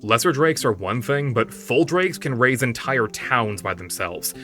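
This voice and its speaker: A man voicing a serious young male drake hunter in an audiobook, terse, low and guarded. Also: animated, a little slow, sharp tone, soft background music. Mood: grim. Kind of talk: audiobook character voice.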